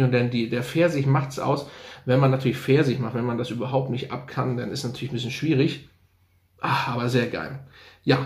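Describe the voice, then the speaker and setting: A man's voice: fairly high pitch, vocal fry, a little mellow, reverberant. A man casually reviewing fragrances, enthusiastic and thinking aloud, repeating his slang praise as he goes. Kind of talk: casual unscripted product review.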